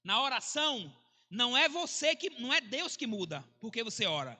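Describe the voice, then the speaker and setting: A male pastor, preaching a sermon in a conversational way, mixing jokes with sudden swings between soft and loud. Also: very high voice, sing-song, fairly quick. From Brazil. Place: church hall. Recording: reverberant church hall.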